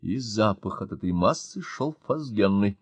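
A man reading a story aloud as narrator, expressive and wry. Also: on the low side, measured pace, husky, no echo. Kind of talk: audiobook reading.

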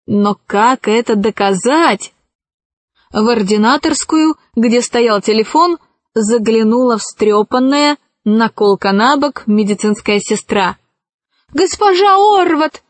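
A woman narrating a storybook in a measured, storytelling manner. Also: on the high side, no echo. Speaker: audiobook narrator. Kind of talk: scripted narration.

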